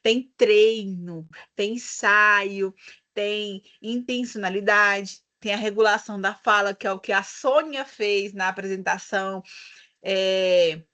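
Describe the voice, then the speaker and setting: A Brazilian woman leading a teacher training session, speaking expressively and stretching words for emphasis. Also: medium pitch. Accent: Brazilian Portuguese. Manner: lively, expressive, drawn-out emphasis.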